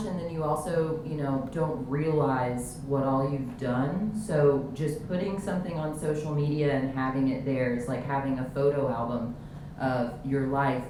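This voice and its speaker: A woman with a very low voice talks casually on a panel. She is heard at a distance from the mic, with strong room echo and clear background noise. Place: panel event room with an audience.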